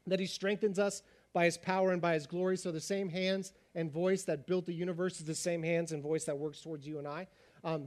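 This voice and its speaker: Rapid-fire and animated, the pastor's high voice carries a slight raspiness as he delivers his sermon. He keeps things chatty and spirited with the congregation throughout.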